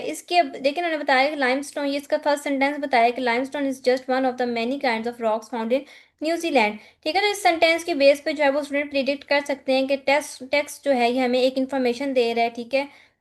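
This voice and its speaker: A woman's voice: high-pitched, steady tone, fairly quick. A woman from Pakistan with a Pakistani accent, teaching an exam-focused lecture, reading points aloud and then explaining them with frequent check-ins. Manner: mixes Hindi-Urdu with English terms, reads slide points then explains them. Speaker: online course tutor.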